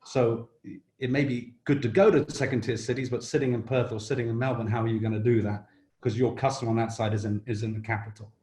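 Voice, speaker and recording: A man's voice: medium pitch, flat delivery, fast talker, dark tone. A man speaking on a business panel, direct and conversational, often saying "you know". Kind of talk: panel discussion answer. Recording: roomy echo.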